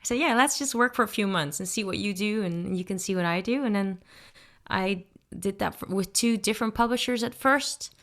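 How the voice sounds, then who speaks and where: A Dutch-accented singer-songwriter from the Netherlands answers interview questions in a relaxed, thoughtful way, with frequent ums and restarts. Her voice sits in the mid-range and moves fairly quickly.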